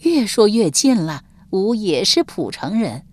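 A woman reader voicing a kindly elderly woman servant, speaking slowly and motherly with sighs, as an audiobook character. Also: medium pitch, sing-song, darkish tone, no echo, pitched above the performer's own voice. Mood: surprised, pleased. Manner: slow, sighing, motherly.

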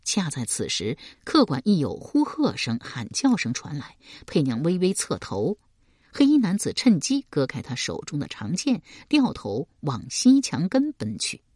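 A woman narrating a martial-arts story as an audiobook in a lively, expressive way. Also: low voice, a little slow, husky, no room sound, studio quality.

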